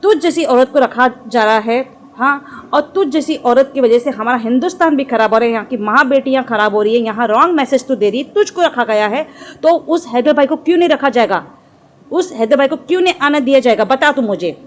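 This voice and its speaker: High-voiced woman in a scolding rant. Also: animated, a little fast, slight background noise. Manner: scolding, insulting, mocking rant. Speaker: vlogger commentator. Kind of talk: angry reaction commentary.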